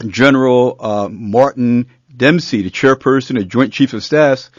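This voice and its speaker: A man hosting a live radio talk show, introducing a guest in a relaxed, hesitant way with many fillers. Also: medium pitch, unhurried, no room sound, dull audio.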